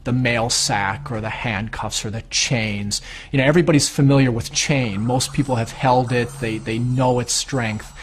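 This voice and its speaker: A man, an escape artist, explaining his underwater escapes in a measured, matter-of-fact documentary interview. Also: medium pitch, fairly even intonation, slight background noise.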